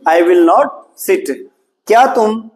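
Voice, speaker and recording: A man's voice: sits high, very slow, a little mellow. A man with an Indian accent teaching English in a classroom, switching between Hindi and English and drilling students with questions and answers. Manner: encouraging, calls students "beta".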